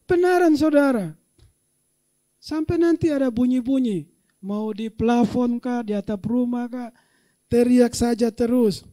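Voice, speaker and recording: A male pastor preaching a sermon with animated delivery, rising to loud shouts and laughing often, dropping low for quiet asides. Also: a little slow, pauses often.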